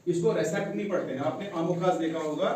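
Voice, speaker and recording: A male English teacher quizzes his class in a lesson, running repeated call-and-response questions. His voice is a little high and darkish, his pace quick, and the far-off mic captures a very echoey room and faint noise.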